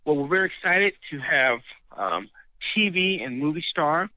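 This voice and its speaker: A man's voice: a little high, lively intonation, normal speed, sharp tone, no echo. A man co-hosting an interview show, speaking with enthusiasm. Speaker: co-host. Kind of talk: casual interview chat. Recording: dull lo-fi sound.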